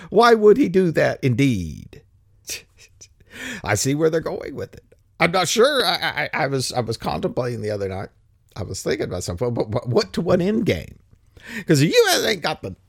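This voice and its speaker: Sarcastic rambling man, gravelly voice. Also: a little high, dry recording, studio quality. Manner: sarcastic, chuckling, drifting off topic. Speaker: political commentator. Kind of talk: rambling opinion monologue.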